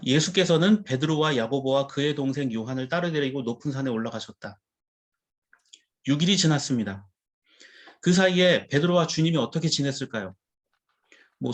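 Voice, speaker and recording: A male pastor preaching a sermon, explaining Bible words and putting questions to the congregation. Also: a little high.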